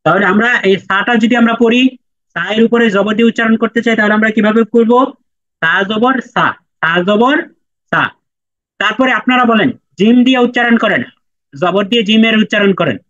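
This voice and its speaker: Man, Quran reading teacher, patient, repeats sounds slowly, dry dull sound. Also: high-pitched, a bit bright, no room sound. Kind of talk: online class lesson.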